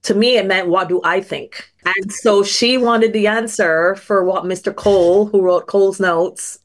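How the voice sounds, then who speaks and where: A woman's voice: medium pitch, steady tone, unhurried. A middle-aged woman from Barbados, a scientist guest telling her story in a thoughtful, earnest way. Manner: thoughtful, earnest, frequent small restarts. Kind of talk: reflective personal storytelling.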